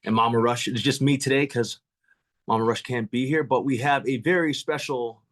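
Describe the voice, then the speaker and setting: A man's voice: medium pitch, steady tone, moderate pace, fairly bright tone. An American man hosting a casual podcast interview, eager and often tripping over his words and starting again. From United States. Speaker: podcast host.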